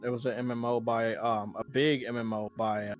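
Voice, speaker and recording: Casual remote co-host, male, mid-pitched, audio glitching and breaking up, light music bed. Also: flat delivery, fairly quick. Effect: audio glitching and cutting out for seconds at a time. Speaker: podcast co-host calling in remotely. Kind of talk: casual chat. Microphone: online call setup.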